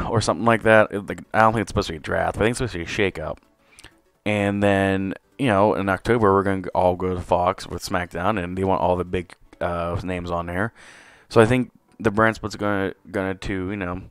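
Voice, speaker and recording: A man hosting a solo podcast review, talking casually with lots of fillers and swearing, his voice a bit hoarse. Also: sits low, dry recording. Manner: rambling, profane, with many fillers. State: slightly hoarse. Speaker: podcast host.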